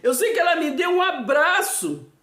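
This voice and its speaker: A woman with a Brazilian accent telling a personal supernatural story in a halting, emotional way, full of restarts and nervous laughter. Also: extremely high pitch, very animated, fairly bright tone. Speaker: host of a live stream. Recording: echoey room.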